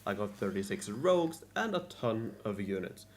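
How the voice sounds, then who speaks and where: Man, game recap narration, low voice, lively pitch, repeats takes, desk mic. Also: moderate pace, slight background noise. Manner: restarts lines over and over. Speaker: gaming video creator.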